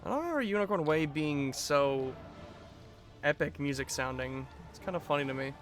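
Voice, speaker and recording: Higher-voiced man streaming a game. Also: lively intonation, normal speed, fairly bright tone, faint music behind. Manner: musing to himself, mild exclamations. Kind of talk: casual gameplay commentary.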